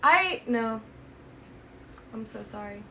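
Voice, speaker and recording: A woman's voice: fairly high pitch, lively intonation, takes it slowly, pushed and bright, poor audio. A woman co-hosting a casual livestream chat, mostly giving short, agreeable replies and laughing along. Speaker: co-host.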